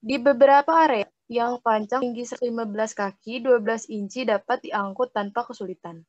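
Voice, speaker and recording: A woman with a fairly high voice reads a textbook passage carefully, restarting a word here and there. Her online call audio is choppy and breaks up, muffled and completely dry. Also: fairly even intonation, a little mellow, no echo. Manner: careful reading with halting restarts on words. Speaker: student. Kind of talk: reading a textbook passage aloud.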